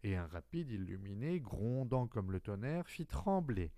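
A man narrating a literary audiobook in a slow, deliberate way. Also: on the low side, big pitch swings, dark tone, no room sound, clean studio sound.

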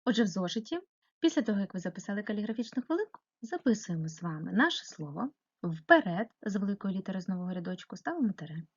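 A woman's voice: mid-range voice, sing-song, fast talker, husky, dull audio. A woman teaching a primary school class remotely, explaining step by step and asking patient questions. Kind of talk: remote lesson narration.

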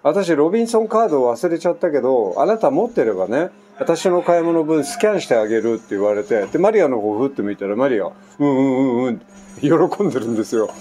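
Animated older man telling a story. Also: medium pitch, fast, few pauses. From Japan. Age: 60s. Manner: chatty, animated anecdote telling with frequent asides. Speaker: vlogger. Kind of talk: casual storytelling monologue. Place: at home on an island, construction nearby. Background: faint construction noise.

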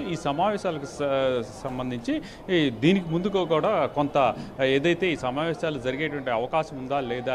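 A man in his thirties reports live into a handheld mic from a crowded council hall. He stumbles along with constant fillers and restarts, and clear crowd chatter runs behind him. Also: medium pitch. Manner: halting, many fillers and restarts. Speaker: field reporter.

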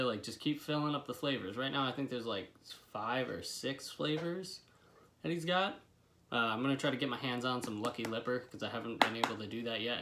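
In a medium-pitched, somewhat bright voice, a twenty-something reviewer with dip in his lip gives a casual vlog review from a desk in a small bedroom. He's easygoing and swears freely, and a little hiss or hum sits under the recording.

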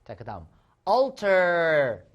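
A man leads an online English vocabulary lesson for middle school students. His pitch jumps around with lively animation as he repeats words and acts out short scenes. His manner stays playful and chatty. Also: drawn-out words, muffled recording.

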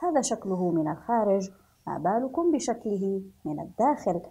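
Mellow-voiced woman teaching young children. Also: mid-range voice, sing-song, husky. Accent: Yemeni Arabic. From Yemen. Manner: slow, repeats words for pupils to echo; praises often. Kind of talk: children's Arabic reading lesson.

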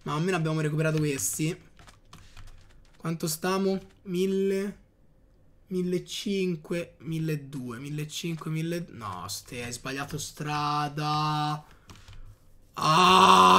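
A man giving casual gameplay commentary, chatting to his viewers with excitable outbursts. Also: fairly high pitch, slow. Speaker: gaming youtuber.

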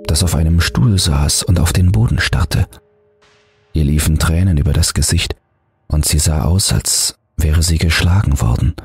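A man calmly narrating a translated horror story as an audiobook. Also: a bass voice, breathy edge.

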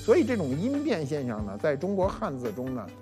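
A man's voice: on the high side, huge pitch swings, fairly quick. A man giving an explanatory talk-show monologue, teaching by saying example words aloud. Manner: didactic, demonstrates pronunciations aloud. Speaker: cultural commentator. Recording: reverberant room with faint music.

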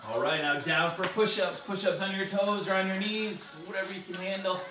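Man, aerobics instructor, high-pitched voice, repeated encouraging cues, roomy distant recording. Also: fairly even intonation, brisk. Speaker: fitness instructor leading a home workout. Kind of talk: aerobics instructor cueing and counting through a workout. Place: small tiled room at home, indoors. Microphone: far camera across the room. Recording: roomy, distant camera mic with music.

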